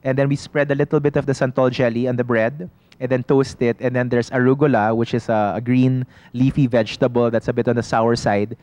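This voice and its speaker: A man's voice: medium pitch, little pitch movement, brisk, darkish tone. A man, a shop owner and studio guest, patiently explaining health foods in casual chat, often saying "you know" and restarting his sentences.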